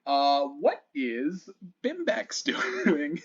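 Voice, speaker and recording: A man's voice: fairly high pitch, huge pitch swings, drawn-out words, highs cut off, a little hiss or hum. A man narrating a tabletop role-playing game casually as game master.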